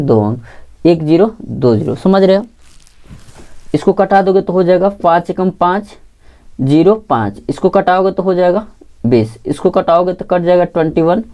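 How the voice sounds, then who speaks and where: A woman teaches an online math lesson in a low, mellow voice. She keeps asking the class questions and answering them herself, repeating key points and checking in with "theek" again and again. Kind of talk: online lesson for exam preparation.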